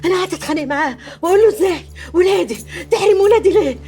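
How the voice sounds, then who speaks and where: A frantic wailing Egyptian wife. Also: female voice, very high-pitched, lively intonation, very fast, mellow. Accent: Egyptian Arabic. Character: scheming wife turned grieving mother. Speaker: wife in a film drama. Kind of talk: film drama acting.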